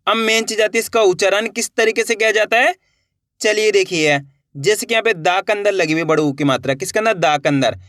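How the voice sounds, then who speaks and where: A man with a fairly high voice teaches reading syllable by syllable, stretching each sound and asking the same question again and again. He speaks to viewers as friends in an encouraging way. The sound is dry and close, with no room echo. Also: fairly bright tone. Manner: slow, drawn-out syllables, repeated teaching questions. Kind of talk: step-by-step phonics lesson.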